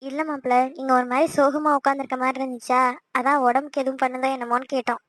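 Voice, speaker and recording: A woman's voice: high voice, level tone, rapid-fire, fairly bright tone, no room sound. A woman voicing a fussing cartoon mother-in-law. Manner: anxious, doting, many questions. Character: worried middle-aged mother-in-law, fussing. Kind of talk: cartoon voice acting.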